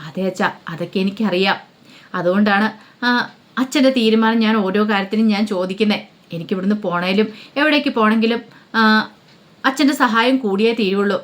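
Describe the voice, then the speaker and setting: A gentle, sorrowful grown daughter, as a woman storyteller puts her on. She speaks softly and pleadingly in a mid-pitched voice. An everyday spoken storybook delivery. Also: fairly quick, lightly acted.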